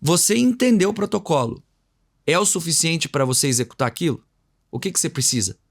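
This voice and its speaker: In an explanatory interview, this Brazilian-accented guest who trains people in communication and NLP speaks briskly in a fairly high, creaky, expressive voice. He teaches didactically, shifts his intonation to create contrast, and performs little dialogues to illustrate.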